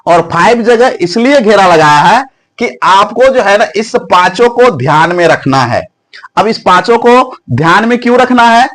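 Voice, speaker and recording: A man's voice: sits high, expressive, normal speed, fairly bright tone. A man teaching English letter sounds in a spoken lesson, asking questions and answering them himself, with frequent fillers.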